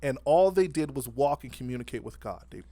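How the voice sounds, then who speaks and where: Animated man arguing faith on a podcast. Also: medium pitch, a little fast, crowd noise. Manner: animated, laughing often, earnest. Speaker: podcast co-host. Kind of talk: casual debate chat.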